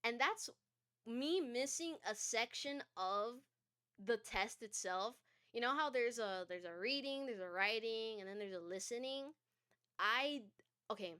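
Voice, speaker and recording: A woman's voice: fairly high pitch, expressive, unhurried, sharp tone, clear, resonant tone, no room sound, studio quality. A young adult woman streaming from her bedroom, chatting casually and scattered, laughing often. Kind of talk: casual live-stream chat. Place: home bedroom.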